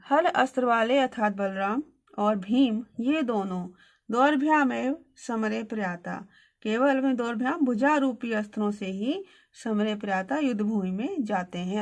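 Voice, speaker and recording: A woman teacher reading Sanskrit verses aloud, then translating and explaining them line by line. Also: on the high side.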